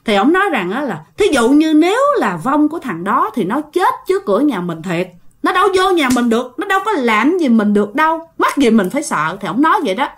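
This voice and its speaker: A woman's voice: high voice, a little fast. A woman telling a ghost story, speaking straight to her listeners. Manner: animated, addresses listeners directly.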